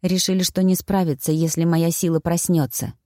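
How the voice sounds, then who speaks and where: A woman telling a fantasy story in the first person as an audiobook narrator, with lively, expressive delivery. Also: fairly low pitch, normal speed, no room sound, clean studio sound.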